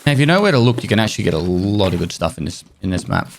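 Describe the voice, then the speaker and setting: A man's voice: fairly low pitch, very animated, very fast. Casual man giving game commentary. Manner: casual, explanatory, swears now and then. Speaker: gaming streamer. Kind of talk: gameplay commentary with tips. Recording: loud game noise under voice.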